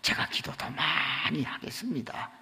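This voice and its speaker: A preacher imitating an effusive fussing pastor. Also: male voice, fairly high pitch, expressive, a little slow, pushed and bright, heavily acted. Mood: consoling. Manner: sighing 'ayu', exclaiming hallelujah. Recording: long church reverb.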